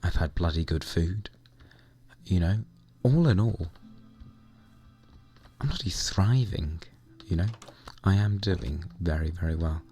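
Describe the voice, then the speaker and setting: A young man with a hoarse, croaky voice, chatting casually and rambling while playing a computer game. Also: low voice, slow pace, mellow, soft background music. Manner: rambling, chatty, mild swearing. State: hoarse, recovering lost voice. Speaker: gaming vlogger. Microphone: desk microphone at computer.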